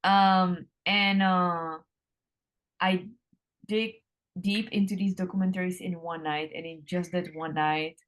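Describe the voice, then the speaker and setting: A woman in her thirties from the Republic, a guest answering interview questions in an unhurried way with frequent ums and drawn-out words. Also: on the low side, fairly even intonation. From Czech Republic. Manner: hesitant, many ums, slowing and drawn out.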